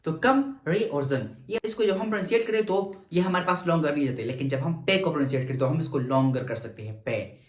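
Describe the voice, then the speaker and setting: A man from Pakistan, teaching an English grammar lesson and slowly stretching and repeating words to show syllable stress. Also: a little high. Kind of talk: grammar lecture mixing Urdu and English. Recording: echoey room.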